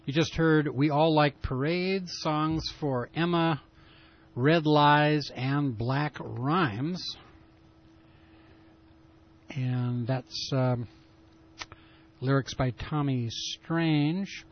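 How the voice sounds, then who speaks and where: A man's voice: on the high side, very slow, pauses often. A man hosting a pirate radio broadcast in casual, rambling talk full of fillers, with a lo-fi broadcast sound. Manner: rambling, loose delivery with many fillers. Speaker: radio show host.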